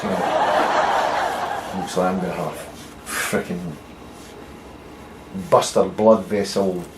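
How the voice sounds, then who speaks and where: A Scottish man gives an unhurried, casual workshop tutorial as a bass luthier in a fairly low voice. He mutters, swears offhand and jokes dryly as he works. The recording sounds echoey, with a faint room ambience underneath.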